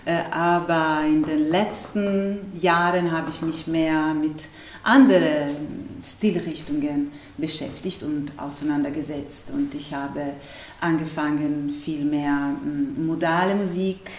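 A woman's voice: low voice, steady tone, slow, darkish tone. A woman in her thirties from Italy with an Italian accent, a musician answering interview questions hesitantly, searching for words. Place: bright room with large windows. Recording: roomy sound from a distant mic with faint noise.

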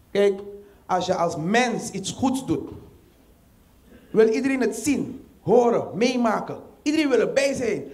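A man with a Surinamese Dutch accent performing a stand-up comedy set, telling stories animatedly and acting out scenes with loud exclamations. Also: high voice.

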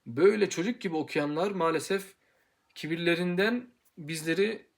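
A young man in his twenties teaching Quran pronunciation in an informal video lesson, drilling syllables aloud, earnest and full of hesitant pauses. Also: a little high, creaky. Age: 20s. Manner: hesitant with many pauses and fillers.

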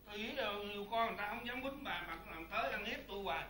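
A woman's voice: mid-range voice, very fast, pushed and bright, natural voice. A woman playing an exasperated husband and father of many children who bickers with his wife in a comedy sketch. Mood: scolding. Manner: exasperated, sighing "trời ơi" complaints. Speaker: comic actor. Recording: echoey room with noise.

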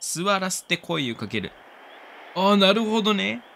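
A man doing casual let's-play commentary, excitable, exclaiming often and cooing at the pet. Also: high-pitched, normal speed, creaky, a little hiss or hum. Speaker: game commentator.

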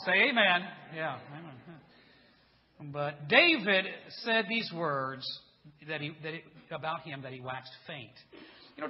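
A man preaching in a church sanctuary with a high voice. He jokes with his flock in a folksy way and swells into fervent, loud preaching. The recording is dull and carries a long church reverb. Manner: rises to loud, intense preaching. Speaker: pastor. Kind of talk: church sermon.

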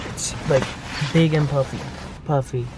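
A woman's voice: a bass voice, steady tone, unhurried, background noise. A teenage girl from New York chatting casually while driving, rambling with lots of fillers, recorded on a handheld camera inside a car. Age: teens. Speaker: vlogger. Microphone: handheld compact camera.

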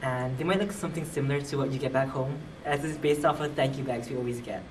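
A man's voice: mid-range voice, fast talker. A young man from Honolulu, a college student, easygoing as he describes new club merchandise in a promo video interview. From Honolulu, Hawaii. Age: young adult. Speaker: student club public relations chair. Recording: distant mic, clear background noise.

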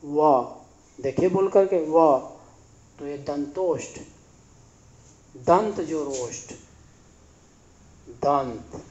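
A man with a fairly high voice teaches grammar at an unhurried pace. He repeats each sound patiently and asks the listener to say it back, like a classroom lesson. The recording is echoey and a little dull. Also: a little mellow.

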